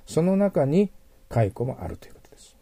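A man's voice: fairly high pitch, big pitch swings, fairly quick, warm tone, no room sound. A man teaching English vocabulary in a patient lecture, explaining word roots and checking in with his students as he goes. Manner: patient, repeats words, checks in with "ne" and "hai".

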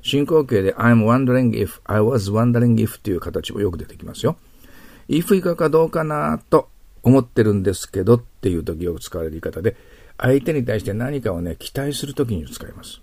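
A man's voice: medium pitch, animated, a little fast, darkish tone, husky, no echo. A man teaching English exam questions in a patient lecture, often checking in with his listeners. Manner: patient explaining, frequent tag questions.

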